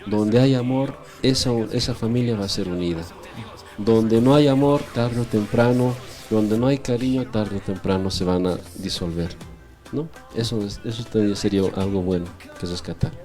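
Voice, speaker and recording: A Bolivian man in his 40s offers earnest, faith-based family advice on a radio show, peppering his talk with tag questions. His lowish voice is warm and moderately paced, with faint music in the background.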